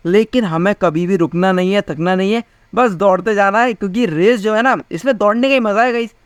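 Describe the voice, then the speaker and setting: A man's voice: high-pitched, no room sound. A young man teaching a physics class in a casual, chatty way, often asking his students questions. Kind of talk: casual Hindi class lecture.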